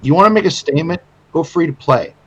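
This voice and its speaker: Man, slightly high voice, casual gaming podcast co-host, animated, swears, stammers. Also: quick pace, slightly rough, low-quality recording.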